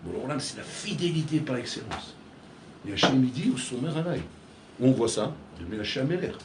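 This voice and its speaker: Animated rabbi in an echoey room. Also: male voice, medium pitch, fairly quick, slight background noise. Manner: storytelling with acted dialogue, swings between loud and hushed. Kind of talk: animated sermon. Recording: echoey room with faint ambience.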